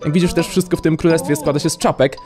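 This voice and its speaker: A man's voice: on the high side, steady tone, rapid-fire, natural voice. A man voicing a timid young male hat spirit, speaking in a raised, eager, pleading voice as he tells his story. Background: game music.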